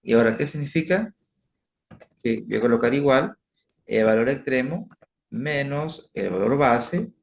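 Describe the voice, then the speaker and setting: With a medium-pitched, darkish voice over slight background noise, a male instructor records a finance class using a spreadsheet. He explains step by step and keeps checking in with students through frequent tag questions.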